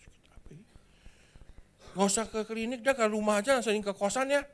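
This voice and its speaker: A man's voice: high-pitched, fairly even intonation, fast talker, smooth. A man giving a sermon as a pastor, telling a story playfully in casual slang.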